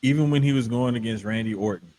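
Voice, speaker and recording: A middle-aged man in a casual group chat as a podcast host, talking in an animated, emphatic, slangy way. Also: medium pitch, quick pace.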